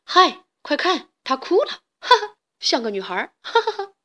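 A woman's voice: a little high, lively intonation, moderate pace, fairly bright tone. A woman playing a cocky, mocking chubby chick. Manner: mocking, showing off.

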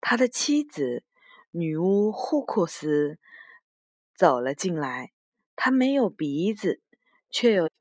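Woman storyteller, slow unhurried pace, children's storybook read-aloud, dry close recording. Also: lowish voice, no room sound.

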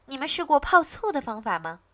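A woman's voice: high voice, big pitch swings, brisk, fairly bright tone, voice pushed up. A woman voicing a meddling neighbor lady who lectures the parents in a storybook reading. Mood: lecturing. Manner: lecturing, preachy.

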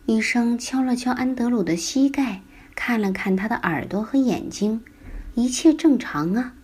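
A woman storyteller narrating a bedtime story, gently addressing small children. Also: on the high side, expressive, normal speed, breathy edge.

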